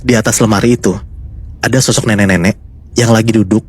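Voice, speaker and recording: A man's voice: lowish voice, steady tone, quick pace, a little mellow, husky. A man casually telling a horror story to his co-hosts, chatty and building suspense. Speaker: storyteller host.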